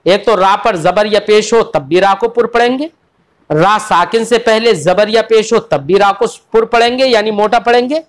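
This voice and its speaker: A man's voice: high-pitched, moderate pace. A man giving an online Quran recitation lesson, patiently repeating each rule, drawing out example words, and addressing his students fondly as children. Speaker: tajweed teacher.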